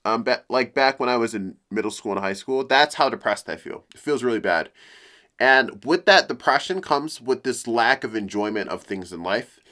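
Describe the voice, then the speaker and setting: A man's voice: mid-range voice, lively intonation, moderate pace, pushed and bright. A young man talking candidly to the camera about feeling depressed after a breakup, rambling with many fillers and restarts. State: low and depressed. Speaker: vlogger. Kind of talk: personal venting monologue.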